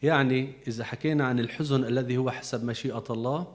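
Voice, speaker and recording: Levantine arabic guy teaching a bible study, relaxed preacher, talks it through with ums and repeats, mid-pitched voice. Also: quick pace. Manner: explains patiently, repeats key words, thinks aloud with fillers.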